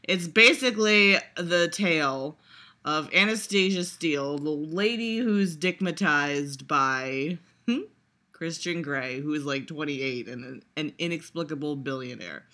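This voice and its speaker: Reviewing a trailer, this vlogger delivers a casual ranting reaction, exasperated and profane, stumbling through fillers and restarts. She has a low, bright voice with a forceful tone and an unhurried pace.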